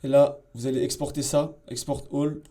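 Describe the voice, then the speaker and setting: Casual, mellow-voiced man explaining software. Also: medium pitch, level tone, moderate pace. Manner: casual, chatty, slangy, with many fillers and asides. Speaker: SEO tutorial host. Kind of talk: casual screen-share tutorial.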